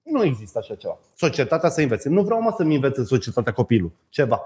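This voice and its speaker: A man's voice: mid-range voice, very animated, a little mellow. Blunt, crude man arguing in chat. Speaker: podcast co-host. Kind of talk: casual chat.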